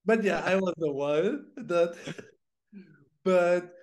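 Speaking from a plant-filled room at home, this co-host keeps a video call lively and casual. His voice sits high, and he rattles off quick, animated bursts peppered with fillers and laughs.

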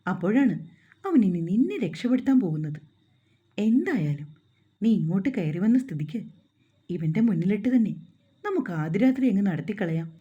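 A woman's voice: medium pitch, big pitch swings, brisk, pauses often, breathy edge, narrow, tinny audio. A woman voicing a cruel young man who mocks and threatens. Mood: sneering. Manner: sneering, menacing.

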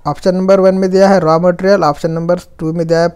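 A young man with a high, clean, slightly mellow voice that barely moves in pitch reads exam-prep quiz questions and their options aloud in a voice-over. His accent is Indian English mixed with Hindi, and he reads questions slowly and deliberately, then speeds up for the options.

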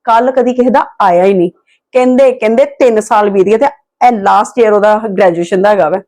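A woman's voice: mid-range voice, brisk, darkish tone, natural voice. A young woman, playing a sensible wife who firmly lectures her husband about his sister. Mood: lecturing.

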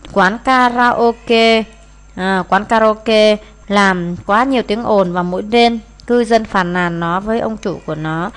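A woman teacher talks a class through test answers, mixing in English phrases as she reads them out. She pauses often with hesitant fillers and keeps a plain, everyday voice of middle pitch. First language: Vietnamese. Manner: explains in Vietnamese, reads English phrases aloud. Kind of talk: exam answer walkthrough.

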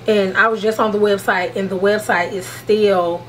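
A woman's voice: medium pitch, steady tone, moderate pace, a little hiss or hum, low-quality recording. A woman beauty vlogger chatting casually through a makeup unboxing, frank and slangy, calling her viewers "honey".

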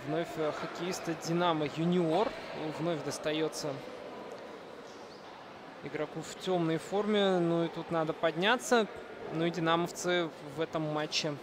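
A man giving unscripted live ice hockey commentary, often pausing mid-sentence to find words. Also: on the high side. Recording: loud rink noise behind the voice. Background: noisy indoor ice rink.

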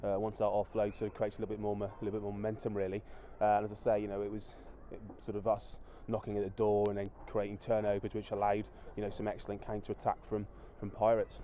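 A man's voice: fairly low pitch, monotone, fast, few pauses, dark tone, slight background noise. A man in his thirties, a rugby coach, giving a post-match interview outdoors at a floodlit ground, talking with many fillers and restarts.

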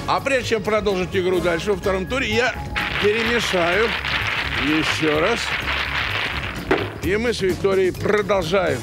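A man in his sixties hosting a lottery draw like a bingo caller, announcing numbers deliberately with nicknames and catchphrases. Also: high voice, low-quality recording. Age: 60s. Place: large TV studio. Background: music under the voice.

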